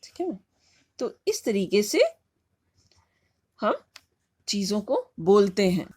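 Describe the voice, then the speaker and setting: Woman, teacher, slow and deliberate, drawn-out emphatic vowels, slightly husky tone. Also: mid-range voice, very animated, darkish tone, no echo. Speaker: English teacher. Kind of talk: slow classroom-style phonetics lesson.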